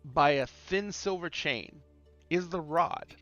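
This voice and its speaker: A man narrating a tabletop game as game master, describing scenes with dramatic pauses. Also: fairly high pitch, a bit bright, dull audio, faint music behind.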